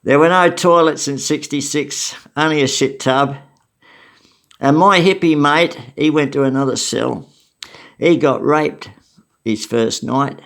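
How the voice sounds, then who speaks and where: Older Aussie male storyteller, gravelly voice, wry and matter-of-fact. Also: a little high, a little slow, fairly bright tone. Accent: Australian. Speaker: storyteller recounting memories. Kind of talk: casual spoken memoir.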